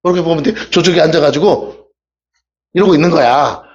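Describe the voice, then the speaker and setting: A male pastor delivers a casual, humorous sermon in a church sanctuary, telling stories, asking the congregation questions, and acting out voices. His voice sits on the high side, a little fast and darkish, captured in a dull lo-fi recording.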